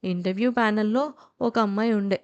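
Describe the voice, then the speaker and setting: A woman's voice: medium pitch, fairly even intonation, fast talker, darkish tone, highs cut off, close to an everyday voice. A woman voicing a boastful, joking young male college student with a cocky, playful manner.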